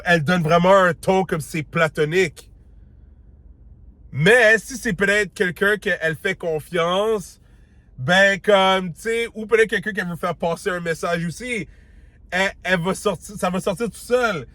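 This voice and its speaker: Chatty Québécois man, slightly high voice. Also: a little slow, bright, forceful tone, no echo. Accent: Québécois French. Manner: chatty, slangy, mixes in English words; acts out quoted lines. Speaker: dating advice host. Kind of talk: casual advice monologue.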